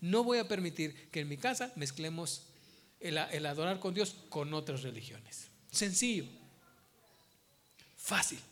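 A man's voice: a little high, animated, measured pace, long pauses, a bit bright. A man preaching a sermon as pastor, emphatic and repeating his key phrases.

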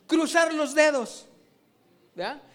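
Male preacher, high voice, chatty sermon delivery, constant rhetorical asides. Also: slow pace. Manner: conversational, rhetorical questions to the congregation. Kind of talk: informal sermon teaching.

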